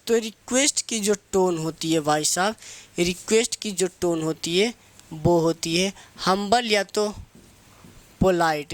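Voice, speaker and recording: A man teaching English grammar for exam students, asking questions and answering them himself, mixing English phrases into his talk. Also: high-pitched. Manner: asks a question and answers it himself, drilling terms; mixes English phrases into spoken Hindi. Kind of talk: lecturing for competitive exam students.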